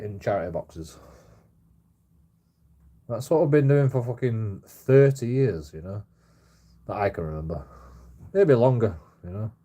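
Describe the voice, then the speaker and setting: A man in his forties from Bradford, West Yorkshire, with a matching accent, hosts a livestream where he airs his opinions in a casual rant. His voice is on the low side and warm in tone. He's blunt and sweary, goes over the same points, and often adds "you know" to the end of a sentence.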